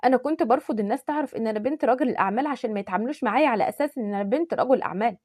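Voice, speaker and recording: A woman voicing a stubborn, sharp-tongued young woman with an Egyptian accent in a told story. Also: fairly high pitch, rapid-fire, breathy edge, no room sound, clean studio sound. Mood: earnest. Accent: Egyptian Arabic. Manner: sharp, indignant.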